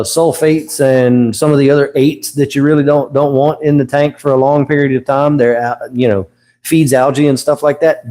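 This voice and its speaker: A man's voice: medium pitch, darkish tone. Casual middle-aged man teaching on a stream. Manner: rambling, self-correcting, chuckles often. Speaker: host of an aquarium livestream.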